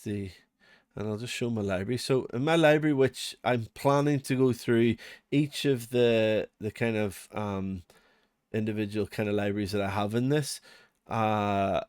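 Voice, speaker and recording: This Northern Irish man hosts a music production channel, and here he gives a casual, unscripted tutorial walkthrough, chatty, rambling and self-deprecating. His voice sits on the low side with a darkish tone, captured as clean studio sound with no room echo.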